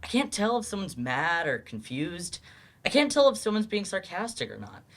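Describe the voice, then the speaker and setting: In an exaggerated, theatrical voice, a male actor portrays a guarded adult student who is earnest, halting, and full of self-doubt, his pitch swinging lively. He comes across as anxious while explaining himself.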